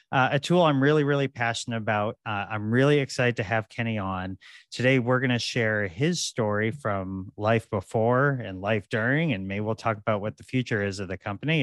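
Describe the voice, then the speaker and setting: A man's voice: lowish voice, a bit bright, dry recording. A man hosting a podcast and introducing his guest, upbeat, with fillers. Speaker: podcast host.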